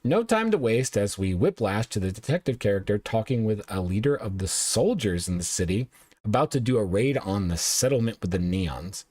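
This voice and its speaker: A man's voice: on the low side, lively intonation, normal speed, a little mellow, no room sound. A male show host casually recapping and reviewing anime episodes, rambling and often correcting himself with lots of uhs.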